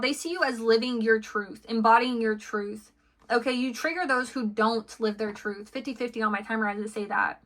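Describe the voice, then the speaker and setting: A woman's voice: a little high, sharp tone. A woman giving an intuitive tarot reading to her viewers, chatty and full of "okay" and "like" fillers. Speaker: tarot card reader.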